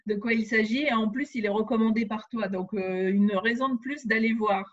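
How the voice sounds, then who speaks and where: A woman's voice: a little high, steady tone, fairly quick. A woman hosting an interview, asking attentive questions with small fillers. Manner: attentive, asks questions, fills with hmm and euh. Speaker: interview host. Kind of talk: conversational interview. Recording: dull lo-fi sound.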